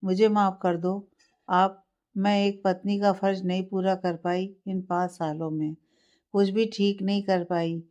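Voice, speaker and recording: A woman's voice: mid-range voice, flat delivery, a little slow, a little mellow, lo-fi sound, close to an everyday voice. A woman voicing a tearful, apologetic young wife.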